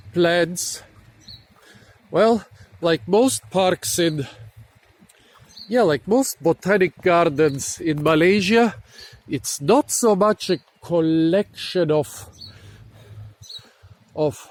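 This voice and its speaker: A man with a slightly high voice narrates as he walks outdoors, out of breath and a little tired. He talks slowly and thinks aloud, trailing off and restarting his sentences. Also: darkish tone. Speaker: vlogger. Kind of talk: casual walking vlog narration. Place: outdoors in a tropical botanic garden.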